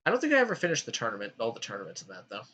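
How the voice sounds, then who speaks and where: A man hosting a casual gaming chat, talking in an animated way with frequent ums. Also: medium pitch, rapid-fire, husky, dull audio. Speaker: podcast host ranking game worlds.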